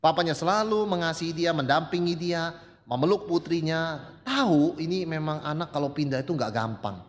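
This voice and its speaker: A male pastor preaching a sermon, telling stories and shifting between loud, high emphasis and soft, low asides as he addresses the congregation. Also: moderate pace. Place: church sanctuary. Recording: long church reverb.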